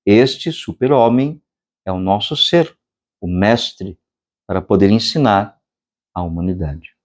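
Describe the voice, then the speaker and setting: A man with a Brazilian Portuguese accent giving a spiritual meditation lecture, speaking slowly and deliberately with long pauses and chanting drawn-out vowels. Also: on the low side. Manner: slow, measured delivery with long pauses. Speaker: meditation instructor.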